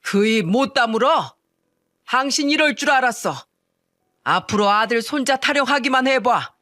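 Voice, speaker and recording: A woman voicing a stern older father-in-law in a spoken story, slow, loud and commanding. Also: fairly high pitch, animated, no room sound, studio quality, pitched above the performer's own voice. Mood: angry.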